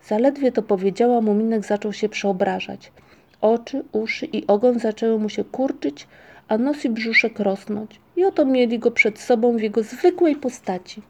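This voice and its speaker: A woman narrating a children's storybook in a measured, expressive reading. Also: fairly high pitch, slight background noise. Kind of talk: audiobook storytelling.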